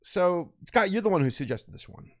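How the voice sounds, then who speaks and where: A man co-hosting a casual podcast chat, excitable and laughing often, talking into a desk microphone. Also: sits high, moderate pace. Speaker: podcast co-host. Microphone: webcam and desk microphone.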